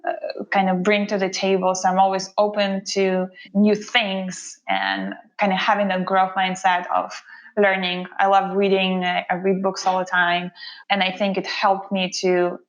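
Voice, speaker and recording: A Russian woman with a Russian accent is a guest in a conversational interview, reflecting on her career. Her medium-pitched voice is unhurried, with fillers and restarts, and the recording sounds muffled.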